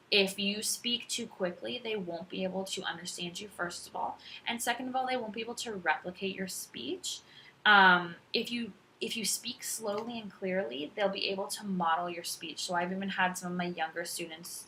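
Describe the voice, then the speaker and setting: A woman's voice: medium pitch, bright, forceful tone, a little hiss or hum, rough recording. A woman teacher giving a casual instructional talk, walking through classroom tips in a chatty, conversational way.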